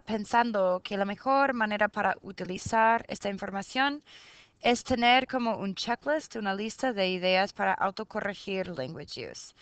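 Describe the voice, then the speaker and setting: A woman's voice: mid-range voice, a bit bright, clear, resonant tone, no room sound. A woman teaching a recorded lesson to her students. She switches between Spanish and English and keeps checking in with "ok?".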